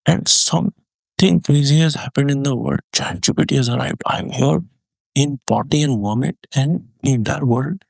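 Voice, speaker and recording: A man in his thirties giving an explanatory tech talk, conversational with restarts and fillers, getting animated as he explains. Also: moderate pace, gravelly, no room sound. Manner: animated, rising pitch when excited.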